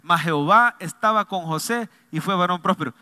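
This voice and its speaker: A man's voice: high voice, moderate pace, sharp tone, clean tone, no room sound. A man, a pastor preaching a sermon and telling a personal story in a confiding, joking way. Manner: humorous, confiding, addresses congregation directly.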